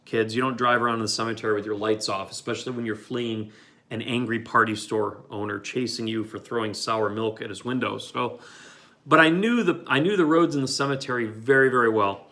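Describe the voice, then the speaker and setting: Bright-voiced man rambling through a story. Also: medium pitch, a little fast. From Michigan. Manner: rambling, many fillers and restarts, with acted-out quotes. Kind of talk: casual personal storytelling.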